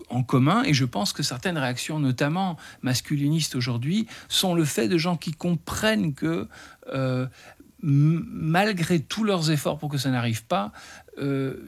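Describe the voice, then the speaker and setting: A man, a guest in an interview who talks thoughtfully with many fillers and restarts. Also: fairly high pitch. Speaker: interview guest, teacher trainer. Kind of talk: radio interview conversation.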